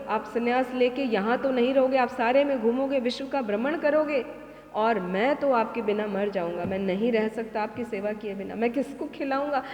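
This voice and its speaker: A woman's voice: mid-range voice, dark tone, natural voice. A woman voicing a devoted male disciple who pleads emotionally with his master not to leave. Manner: pleading, rising emotional appeals. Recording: reverberant hall.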